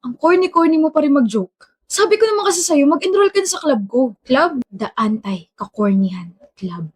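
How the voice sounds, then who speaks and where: A woman's voice: sits high, very animated, normal speed, darkish tone. A woman acting out a romantic skit, trading teasing, bickering lines. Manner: teasing, bickering back-and-forth. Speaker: skit actor. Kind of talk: scripted romantic skit dialogue.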